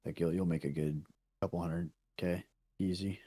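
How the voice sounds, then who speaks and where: A man's voice: sits low, fairly even intonation, normal speed, mellow, husky, no echo, studio quality. A man co-hosting a gaming podcast, chatting casually with friends, laid-back and swearing a lot with playful teasing. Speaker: podcast co-host. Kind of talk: casual chat among friends.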